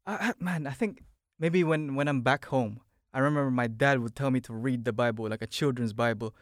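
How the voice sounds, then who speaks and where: A man's voice: medium pitch, a little fast, dry recording, clean studio sound. A young man from the Philippines, telling his childhood story in casual, rambling chat with lots of fillers and restarts. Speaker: podcast guest.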